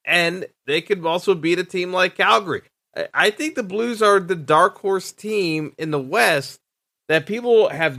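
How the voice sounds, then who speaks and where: Man, podcast host, solo sports talk, bright forceful voice, slightly high, dry sound, lots of uh fillers. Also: gravelly, no echo. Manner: hesitant, full of fillers and restarts; opinionated, thinking aloud.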